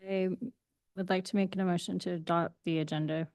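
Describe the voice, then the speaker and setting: A woman's voice: on the low side, steady tone, fairly quick, a little mellow. A woman commissioner making brief, formal motions at a public meeting.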